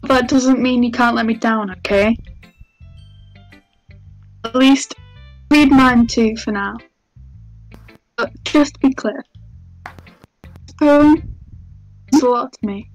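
Woman playing an anxious high-pitched schoolgirl. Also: takes it slowly, pauses often, soft background music, low-quality recording. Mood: pouty. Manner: earnest, pleading. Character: anxious, pouty teenage schoolgirl, earnest and embarrassed. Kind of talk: visual novel character dubbing.

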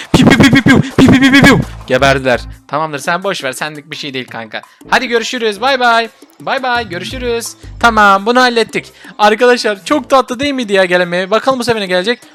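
A young man with a high voice jokes his way through a VR game and teases the characters while he talks to his viewers. Soft game music plays faintly behind him. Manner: playful, teasing the fruit patients, chatty with viewers. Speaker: gaming YouTuber. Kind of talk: VR game commentary.

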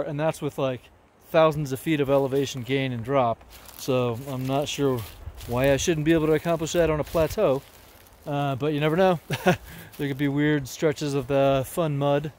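A man's voice: a little high, a little mellow. A man vlogging casually on a forest trail, rambling with many fillers. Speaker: thru-hiker vlogger.

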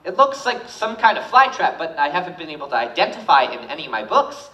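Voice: mid-range voice, sing-song, fast talker, sharp tone, dull audio. A stage performer playing a timid, earnest, nerdy young male flower shop clerk with a hesitant, apologetic way of talking, heard from across a theatre. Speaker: stage actor. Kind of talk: stage musical theatre dialogue. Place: school stage, recorded from the audience. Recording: distant echoey theatre recording, music behind.

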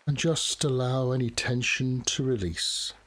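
A man leads a guided meditation in a soft, soothing voice of medium pitch. He speaks very slowly, leaving long pauses between short phrases. Steady rain falls behind him. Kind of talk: guided relaxation meditation narration.

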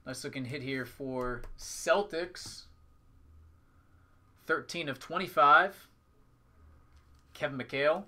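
Bright-voiced man announcing a card break. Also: on the high side, slow, pauses often. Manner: clipped announcing in short phrases. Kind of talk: live card-break commentary. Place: indoors at a tabletop with a display backdrop.

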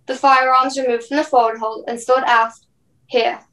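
A woman's voice: sits high, level tone, normal speed, a bit bright, poor audio. A woman playing a blunt, dutiful sea captain, speaking firmly and formally in a radio play. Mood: stern. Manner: plain-spoken, firm, formal.

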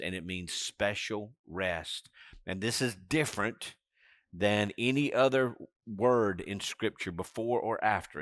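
Middle-aged pastor preaching conversationally. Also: male voice, fairly low pitch, fairly bright tone, no room sound, studio quality. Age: 50s. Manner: conversational preaching with frequent "right?" and "amen", gesturing while seated. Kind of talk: sermon. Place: church stage, seated on a stool. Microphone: headset.

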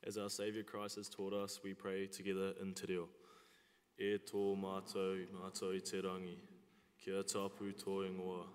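A man's voice: low voice, smooth. A young male student leading liturgical prayers at a chapel lectern, reciting steadily and evenly. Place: large school chapel, at a lectern. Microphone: lectern mic. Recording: long hall reverb.

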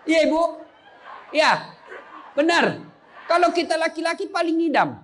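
High-pitched preacher guy, cracking jokes and quizzing the crowd, bit of faint room noise. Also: big pitch swings, measured pace. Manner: joking, chatty, quizzes the audience. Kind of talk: humorous sermon to a live audience.

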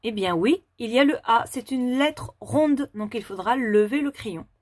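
Woman teacher talking a kid through cursive letters, slow and patient, a bit high voice, dry close sound. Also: lively intonation, dry recording. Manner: slow, step-by-step instructions addressed to a child. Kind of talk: handwriting lesson for young children.

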